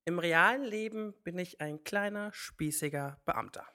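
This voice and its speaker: A man's voice: high-pitched, unhurried, pushed and bright. A man in his twenties, a drag artist, answering interview questions in a witty, wordplaying way. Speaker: drag artist, civil servant.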